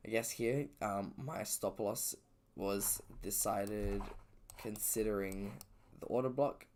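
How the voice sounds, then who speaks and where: Talking slowly in a steady, fairly low and slightly mellow voice, a trader live-streams from indoors at home, loosely thinking through his chart with fillers and self-corrections. He's sleepy and yawning, and there's a little hiss or hum on the recording.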